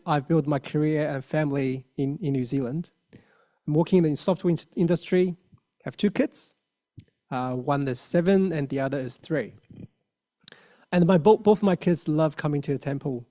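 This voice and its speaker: A man's voice: a little high, mellow. A man in his thirties from China with a Mandarin accent, giving an earnest dharma talk with many fillers and restarts. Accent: Mandarin Chinese. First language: Mandarin Chinese. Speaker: lay Buddhist speaker.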